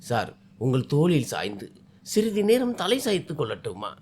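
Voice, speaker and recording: A man's voice: on the high side, huge pitch swings, moderate pace, darkish tone, pitched below the performer's own voice. A man voicing a tearful, defiant young woman. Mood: pleading.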